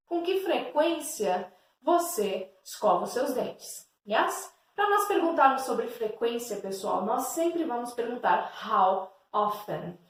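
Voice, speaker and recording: Slow, patient Portuguese-speaking English teacher, echoey. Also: female voice, fairly high pitch, a bit bright. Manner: slow, patient, checks in with "yes?" and "ok?" constantly. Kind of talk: recorded online lesson. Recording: echoey room, distant mic.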